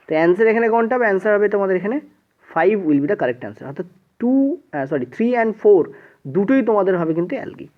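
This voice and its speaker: A man with a Bengali accent teaches an exam-prep science class, asking whether things are clear after nearly every phrase and slipping English terms into his talk. His voice sits high for a man. The sound is narrow and tinny, as if heard over a phone. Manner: repeats "ঠিক আছে" often, mixes English words in.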